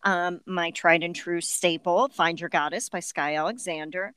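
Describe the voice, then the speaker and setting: A woman's voice: lowish voice, steady tone, normal speed, a bit bright, clear, resonant tone, no room sound. A woman with a Cleveland, Great Lakes accent co-hosting a podcast in casual, informal, jokey chat. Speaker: podcast co-host.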